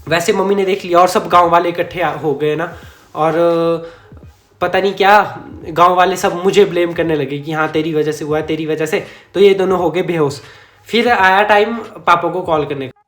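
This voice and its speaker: A man's voice: high voice, normal speed, a bit bright. A man vlogger telling a personal story in a chatty, rambling way, correcting himself and chuckling as he goes. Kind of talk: casual storytime narration. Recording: echoey room.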